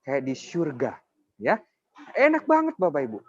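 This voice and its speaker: A man's voice: on the high side, huge pitch swings, normal speed, no room sound. A young man in his twenties giving a persuasive motivational sales presentation, often addressing his audience directly. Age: 20s. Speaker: network marketing presenter. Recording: dull lo-fi dry sound.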